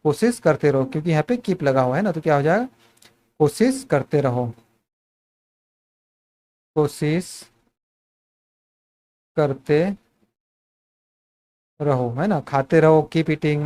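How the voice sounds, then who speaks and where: A man with a fairly high voice teaches spoken English, explaining each sentence in Hindi. He keeps asking what a line will become and calls his viewers friends as he steps through examples. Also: measured pace, pauses often, mellow. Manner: repetitive questioning, addresses viewers as friends.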